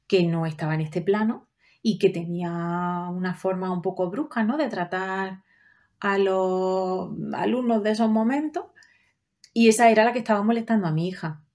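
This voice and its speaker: Woman telling a lively personal story. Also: medium pitch. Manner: animated storytelling, acting out her child's and teacher's voices. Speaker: mother telling her experience. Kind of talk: personal anecdote, conversational.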